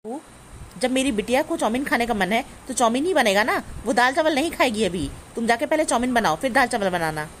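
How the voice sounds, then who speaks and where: A woman's voice: on the high side, animated, fairly quick, a little hiss or hum, natural voice. A woman playing a bossy, doting middle-aged mother-in-law who scolds her daughter-in-law in a family comedy skit. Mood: scolding. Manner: scolding, commanding.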